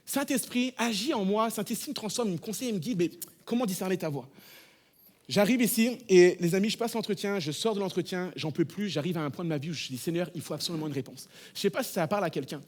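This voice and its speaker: A man in his thirties preaching in church, his voice pitched high and words rushing out quickly. He tells his story with lively swings, dropping to a hush and then climbing back up to a loud, urgent pitch. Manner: animated storytelling, shifting from hushed to loud. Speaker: pastor. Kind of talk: sermon.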